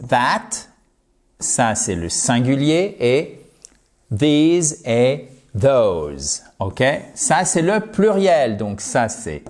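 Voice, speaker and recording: Man, French speaker, English teacher, slow patient delivery, careful exaggerated pronunciation. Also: fairly high pitch, darkish tone. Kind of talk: video lesson. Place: home.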